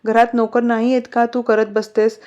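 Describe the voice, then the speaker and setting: A woman's voice: on the high side, flat delivery, moderate pace, warm tone, clean tone, lightly acted. A woman voicing a protective young husband, muffled. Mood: angry. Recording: slightly muffled recording.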